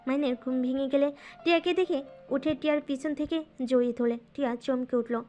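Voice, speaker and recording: Female narrator for a romance audio story, high and smooth over faint music. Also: fairly even intonation, fairly quick, mellow.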